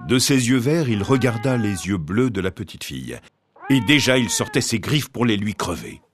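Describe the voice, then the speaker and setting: Expressive male storyteller. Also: on the low side, normal speed, a little hiss or hum. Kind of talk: fairy tale reading.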